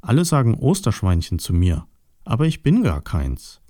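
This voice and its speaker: A man's voice: lowish voice, wildly swooping pitch, moderate pace, warm tone, no room sound, clean studio sound. A man doing a timid little Easter piglet. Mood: sad. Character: small shy colorful young piglet, sad and eager. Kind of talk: storybook voice acting.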